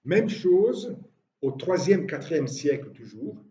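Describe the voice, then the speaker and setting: A man's voice: a little high, very animated, slow pace, warm tone, slight background noise. A man teaching a university lecture, explaining step by step with frequent hesitations. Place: lecture hall. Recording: roomy, distant, dull lecture-hall recording.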